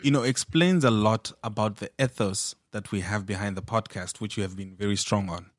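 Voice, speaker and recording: Male podcast host, low pitch, upbeat and affirming, dry close mic. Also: fairly quick, no echo. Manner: upbeat, affirming, frequent yeahs. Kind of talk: casual podcast chat.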